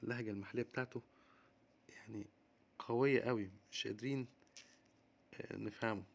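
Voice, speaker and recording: An Egyptian man with an Egyptian accent teaches English words. He says each term slowly, then explains it quickly in Arabic. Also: fairly low pitch, fairly even intonation, vocal fry. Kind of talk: vocabulary lesson mixing English and Arabic.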